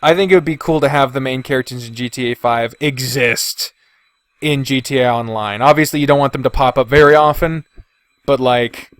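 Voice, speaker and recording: With a medium-pitched voice and no room sound, this podcast host talks about video games casually and bluntly. His opinionated commentary is full of swearing and complaints.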